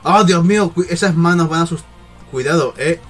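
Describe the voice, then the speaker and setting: A young man reacts emotionally to an anime episode in excited commentary, full of exclamations and swinging from shouts to murmurs. His voice is a little high at a moderate pace, with soft music playing in the background.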